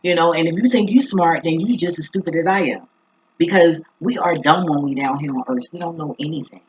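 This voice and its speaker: A vlogger with a husky voice talking casually and reflectively to viewers, halting and thinking aloud. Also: mid-range voice, slight background noise. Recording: dull lo-fi recording.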